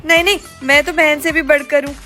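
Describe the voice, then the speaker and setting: A woman's voice: high voice, fairly even intonation, fairly quick, sharp tone, soft background music. A woman acting in a comic skit in a chatty, sweet way.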